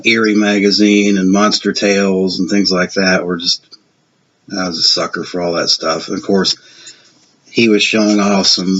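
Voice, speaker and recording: A Virginia man in his fifties or sixties, with a Southern US accent and a slightly low, somewhat bright voice, shows off his film collection in a casual vlog. He's chatty and self-deprecating, rambling a little as he goes. The audio is dull and lo-fi with faint hiss.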